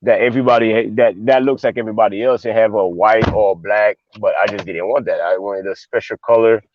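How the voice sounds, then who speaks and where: A man's voice: fairly low pitch, steady tone, fairly quick. A man from Haiti hosting a casual streamed chat, telling blunt, profane stories full of fillers. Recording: dull lo-fi stream audio.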